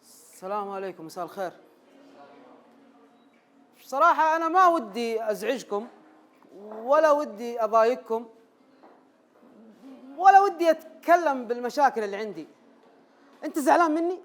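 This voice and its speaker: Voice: mid-range voice, animated, moderate pace, long pauses, close to an everyday voice. An actor playing an anxious man, a former teacher who cannot bear upsetting anyone, in a pleading theater monologue. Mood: awkward, nervous. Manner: pleading, repeats himself, nervous laughter. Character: anxious people-pleasing male ex-teacher. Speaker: stage actor.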